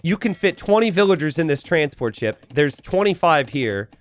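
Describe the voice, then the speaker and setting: A male esports commentator talks casually to his stream. His voice sits on the high side and moves up and down a lot. He is joking and excitable, given to repeating his exclamations. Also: moderate pace. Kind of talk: live game commentary to a stream chat. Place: indoors at a computer.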